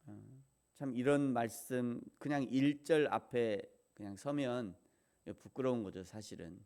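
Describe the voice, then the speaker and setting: A man, a pastor, delivers a morning devotional sermon at a middle pitch. His delivery is conversational, with many pauses and fillers, and he keeps asking his listeners questions. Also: darkish tone. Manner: conversational preaching with frequent fillers and rhetorical questions.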